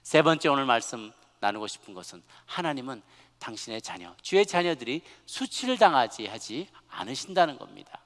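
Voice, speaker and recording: A male pastor giving a sermon, moving between relaxed personal storytelling and fervent, emphatic preaching to his congregation. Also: mid-range voice, fairly quick. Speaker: senior pastor. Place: large church sanctuary. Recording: long hall reverb.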